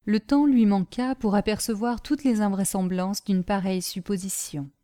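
Mellow-voiced woman narrating a novel. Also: mid-range voice, steady tone, dry recording, clean studio sound. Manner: measured, literary.

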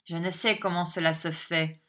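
A woman's voice: on the low side, fairly even intonation, moderate pace, pushed and bright. A woman voicing a stern, scornful old miser uncle who talks in a curt, impatient way, in an audiobook reading.

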